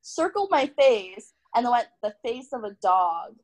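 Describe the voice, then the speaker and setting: A woman's voice: a little high, big pitch swings, measured pace, low-quality recording. A young woman casually telling stories on a podcast, blunt and full of swearing. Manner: blunt storytelling, heavy swearing. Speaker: podcast co-host. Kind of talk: casual chat.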